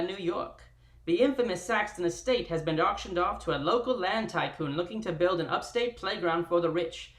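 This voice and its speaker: A streamer putting on an old-time radio announcer voice to narrate a recap in theatrical 1940s radio style, with punchy dramatic pauses. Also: medium pitch, a bit bright, natural voice. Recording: roomy echoey room.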